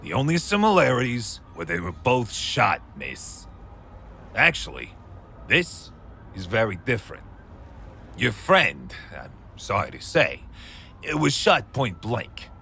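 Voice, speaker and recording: An actor playing a gruff, sarcastic, brusque police detective with a gravelly voice in a video game. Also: male voice, mid-range voice, huge pitch swings, slow pace, sharp tone, slight background noise, heavily acted. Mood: sardonic. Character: gruff, dismissive, cynical male police detective.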